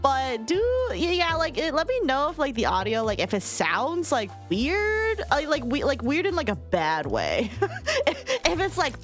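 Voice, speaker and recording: A high-voiced woman in her late twenties hosts a casual gaming stream. Her delivery is giggly and very animated, swinging widely in pitch. Some music plays behind her as she chats. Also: moderate pace. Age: late 20s. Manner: giggly, laughs often. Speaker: livestream host. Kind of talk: casual livestream chat while gaming.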